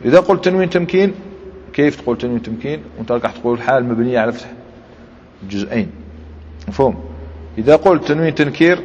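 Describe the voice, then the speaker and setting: A man gives a classroom grammar lesson in a long-echoing hall. He walks through each point step by step and keeps tossing quick questions at his students. The recording is dull and lo-fi, with a faint hiss of room noise. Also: medium pitch, a little mellow. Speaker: Islamic scholar teaching Arabic grammar.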